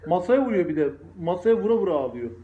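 Teasing, sing-song Turkish dad. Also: male voice, high-pitched, sing-song, fast, a little hiss or hum. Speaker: father in a family vlog. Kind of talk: playful teasing family chat. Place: home. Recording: echoey, dull home recording.

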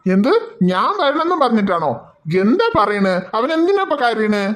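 A man voicing a cartoon father who calmly reasons with and lectures his wife. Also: high voice, moderate pace. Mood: puzzled. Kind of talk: cartoon voice acting.

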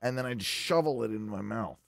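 A man's voice: mid-range voice, brisk, gravelly, no echo, clean studio sound. A man hosting a podcast, chatting loosely and with lots of swearing while he reacts to a clip. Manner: loose, profane, animated commentary. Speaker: podcast host. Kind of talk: casual chat reacting to a clip.

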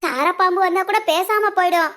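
A woman's voice: very high-pitched, normal speed, pushed and bright, a little hiss or hum. A woman voicing a chatty, teasing village neighbor woman in a cartoon, speaking.

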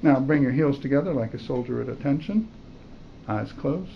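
Speaking to a patient in a hospital room, an older doctor issues brief exam instructions and quick praise. He has a gravelly, medium-pitched voice with lively intonation and a moderate pace, captured in a dull room recording with light noise.

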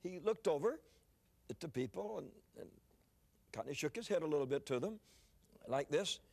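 A man's voice: a little high, expressive, normal speed, gravelly, a little mellow. An older man preaching, telling a story in a sermon, often repeating words as he starts a phrase.

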